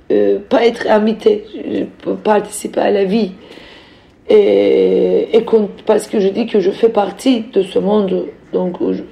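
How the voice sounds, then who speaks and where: A middle-aged Turkish novelist, appearing as a guest, recounts her own story off the cuff in a Turkish accent. She is reflective and halting, searching for words and repeating phrases for emphasis, in a creaky, dark, mid-range voice.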